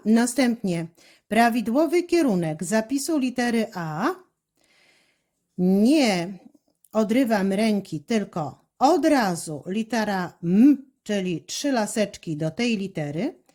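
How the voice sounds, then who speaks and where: Woman teacher, slightly high, lively voice with a mellow tone, slow and careful step-by-step handwriting instruction.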